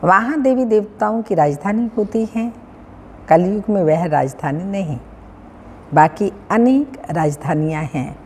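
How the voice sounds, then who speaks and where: A woman with a North Indian Hindi accent reading a daily spiritual discourse as a teacher, in a measured, sing-song recitation with pauses and frequent throat-clearing. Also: mid-range voice, expressive, a little mellow. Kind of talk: slow devotional reading of scripture. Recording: long hall reverb, faint room hum.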